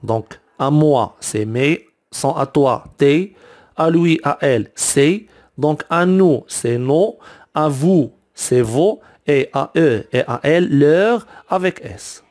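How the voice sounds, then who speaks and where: A man gives a grammar lesson in a slightly high voice. He speaks very slowly and repeats each example again and again. He links his points with frequent fillers like "donc" and "alors". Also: animated, darkish tone. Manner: slow, repetitive explanations with many "donc" and "alors". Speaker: teacher.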